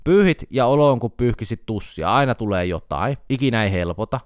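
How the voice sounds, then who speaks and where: Guy rambling thru a funny story on his podcast, smooth low voice, dry close sound. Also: dry recording. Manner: wry, self-mocking storytelling with animated outbursts. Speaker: podcast host. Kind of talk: casual comic monologue.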